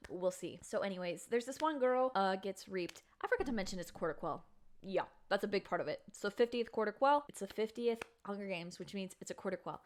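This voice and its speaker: A woman talking casually to her camera in a chatty, slangy spoiler review of a book. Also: mid-range voice. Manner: chatty, slangy, animated storytelling. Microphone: camera mic.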